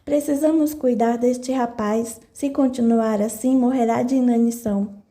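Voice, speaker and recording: A woman's voice: a little high, fairly even intonation, normal speed, warm tone, close to an everyday voice. A woman voicing a firm, caring wife of a farm owner in an audiobook.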